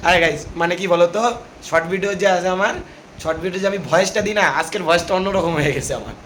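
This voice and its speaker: A hoarse young man chatting casually as a vlogger, walking around a crowded outdoor fair and talking excitedly to his viewers. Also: high voice, slight background noise. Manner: fast, excited, calls out often to friends and viewers. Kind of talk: casual vlog chat.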